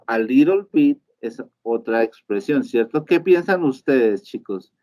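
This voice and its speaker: A man's voice: medium pitch, a little mellow. A male teacher gives a live online lesson. He explains step by step and keeps checking in with his students. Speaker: English teacher.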